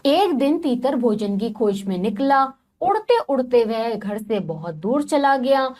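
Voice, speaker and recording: Woman, teacher, storytelling lesson for children, retells each passage, asks children questions, slow, lively pitch.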